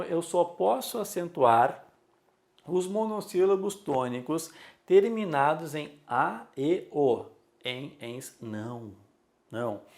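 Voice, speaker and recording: Brief: Brazilian male teacher, gravelly, slow and emphatic lecture delivery. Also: mid-range voice, darkish tone. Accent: Brazilian Portuguese. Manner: emphatic, drawn-out teaching delivery with rhetorical questions. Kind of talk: classroom lecture.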